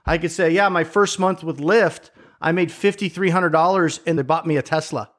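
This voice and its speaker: Animated man telling stories in casual chat. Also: fairly high pitch, moderate pace. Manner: animated storytelling, acts out other people's reactions, swears casually.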